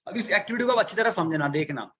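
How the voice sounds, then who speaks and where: High-voiced man coaching a live webinar. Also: animated, fast talker, bright, forceful tone, lo-fi sound, a little hiss or hum. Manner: repetitive, rhetorical questions, walks through arithmetic step by step. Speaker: online business coach. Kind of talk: live online workshop.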